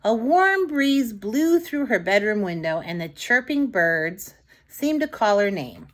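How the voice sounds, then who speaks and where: A woman reads a story aloud to young children in an expressive, dramatic storybook manner, adding asides to her listeners. Her pitch is medium and her pace a little slow.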